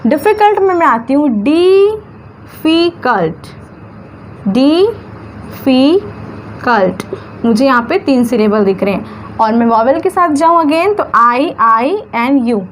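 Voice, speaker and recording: A woman teaching English grammar, stretching words slowly into syllables and asking questions that she answers herself. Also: high voice, a little hiss or hum. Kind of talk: classroom-style grammar lesson.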